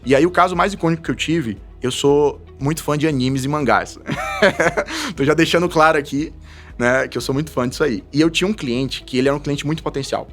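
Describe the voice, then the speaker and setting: Fast-talking man telling his story. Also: a little high, faint music behind. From Salvador, Brazil. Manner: fast, animated storytelling with frequent laughs. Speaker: guest, investment advisor. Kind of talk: casual podcast interview.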